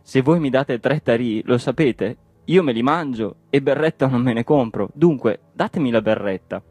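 A poor, carefree middle-aged villager, voiced by a male reader, calm and plaintive as he pleads his case. The voice stays close to a plain male reading voice, recorded dry with faint music behind. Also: medium pitch, normal speed, breathy edge, dry recording, natural voice.

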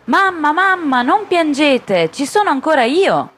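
A woman voicing a tiny eager boy born from a chickpea, in a high squeaky voice. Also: big pitch swings, unhurried, fairly bright tone, heavily acted.

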